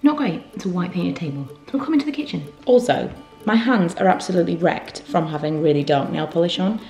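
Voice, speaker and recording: British woman, 30s, casual daily vlog, rambling, self-deprecating, lowish voice, faint music behind. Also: animated, fairly quick, dark tone. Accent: British English. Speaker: vlogger.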